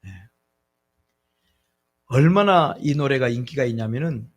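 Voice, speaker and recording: A man's voice: mid-range voice, lively intonation, measured pace. A middle-aged male pastor preaching a sermon in a conversational way, asking his congregation rhetorical questions.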